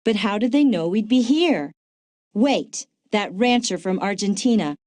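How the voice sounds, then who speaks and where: A woman voicing a smart, dry-witted female agent in a video game, calm and informative with a touch of sarcasm. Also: medium pitch, a little slow, dry recording, lightly acted. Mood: wry. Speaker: game character, field agent. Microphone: dry studio mic.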